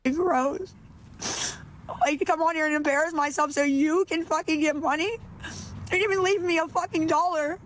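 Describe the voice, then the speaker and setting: A woman's voice: sits high, steady tone, moderate pace, a little hiss or hum. A woman on her own livestream, pleading with viewers for money and swearing angrily at people she blames. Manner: profane, pleading and angry. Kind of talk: upset livestream rant.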